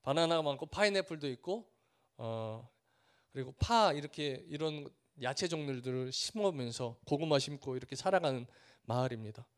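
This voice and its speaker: A man's voice: mid-range voice, animated, normal speed. A man preaching a sermon as a missionary, earnest, building through repeated phrases and acting out the villagers he meets. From Korea. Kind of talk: sermon with storytelling.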